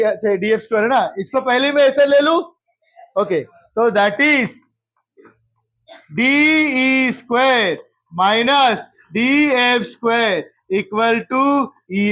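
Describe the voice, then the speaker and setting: His voice is very high and fairly bright as the male teacher works through geometry with his class. Questions get repeated, he checks for doubts, and English terms pepper his Hindi.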